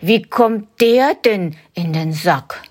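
A woman doing a slow, kindly old St. Nicholas. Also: medium pitch, animated, darkish tone. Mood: puzzled. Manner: slow and measured. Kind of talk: storybook reading.

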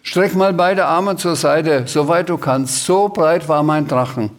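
A man's voice: a little high, unhurried, pitched above the performer's own voice, close to an everyday voice. A cheeky little storybook creature that brags and bosses everyone around, as a man reading aloud puts it on. The voice sits well above his own and sounds impish and full of itself. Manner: boastful, bossy. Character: cheeky small Sams creature, boastful.

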